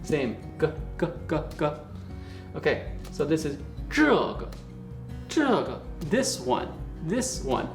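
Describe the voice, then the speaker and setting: At a whiteboard, a man leads an upbeat beginner Mandarin lesson, encouraging learners, frequently asking "okay?" and repeating words slowly. His voice is fairly high with big swings in pitch, and soft music plays in the background.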